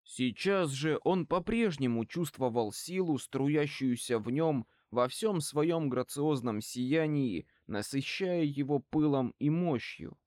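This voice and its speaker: A male audiobook reader narrates in an even, measured manner. His voice sits in a typical middle male range. The recording is dry and close, with no room echo. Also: medium pitch.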